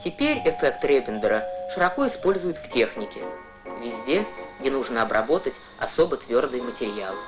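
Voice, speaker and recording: Briskly and with big pitch swings, a medium-pitched newsreel narrator tells a scripted educational documentary as a story for young viewers. Prominent music plays behind the narration.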